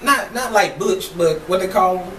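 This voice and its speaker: A man's voice: sits high, moderate pace, a bit bright. A man casually co-hosting a chat show, rambling with many fillers and laughing often. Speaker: co-host. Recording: echoey room, far from mic, faint noise.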